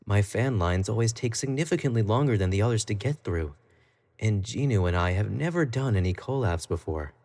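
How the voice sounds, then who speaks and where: Speaking fairly quickly, with an animated, slightly mellow voice pitched fairly low, the man sounds sweet and smitten. He's acting as a jealous, obsessive young pop idol in a dramatic monologue, addressing the listener intimately and shifting between tender pleading and icy condescension.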